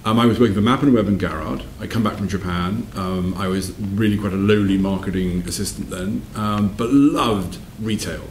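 A whisky company managing director from south-west England, around 60, reminisces in an interview set in a wood-panelled room by a fireplace. He tells his story reflectively, repeating phrases for emphasis between hesitant pauses. His voice is on the low side and darkish, and the sound is roomy with a slight hiss or hum.

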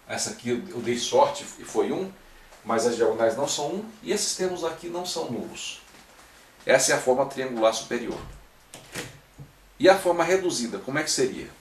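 A man walks through calculations one step at a time. He often pauses to check in with the class. His voice sits at a middle pitch and echoes around the room from a distance, with a faint noise underneath. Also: expressive. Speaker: math teacher. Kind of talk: recorded classroom-style lecture.

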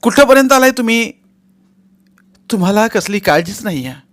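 A man's voice: animated, moderate pace, no room sound. A man voicing an anxious, impatient young woman who snaps and pleads on the phone in a storybook reading. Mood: snapping. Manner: shrill, snapping and impatient.

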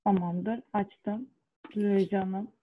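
A woman's voice: medium pitch, steady tone, slow. A woman moderating an online seminar, talking casually to organise participants. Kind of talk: casual procedural talk. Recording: narrow phone-like call audio.

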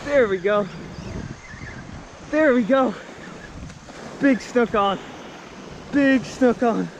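Surf and wind fill the background as a twenty-something fishing vlogger talks excitedly into an action camera, worn on his head and later held in hand, about his ocean beach trip. The audio is dull, and his voice is extremely high and extremely slow. He yells whenever a fish is hooked.

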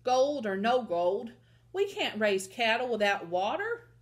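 A woman voicing a tough, feisty ranch mother who talks in a loud, folksy way. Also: on the high side, big pitch swings, unhurried.

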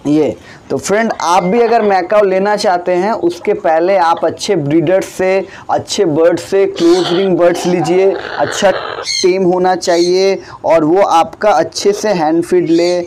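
A man's voice: high-pitched, fairly even intonation, unhurried, darkish tone, a little hiss or hum. A young man in his twenties running a bird farm, giving a chatty how-to vlog and calling the viewers friend over and over. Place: small room with blue walls, indoors.

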